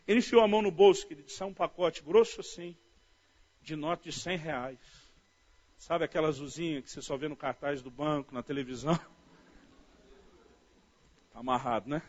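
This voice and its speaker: A man with a Brazilian Portuguese accent preaching a sermon in an animated storytelling manner, often calling his listeners "dear". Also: on the high side, fairly quick, long pauses. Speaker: pastor. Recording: dull lo-fi audio.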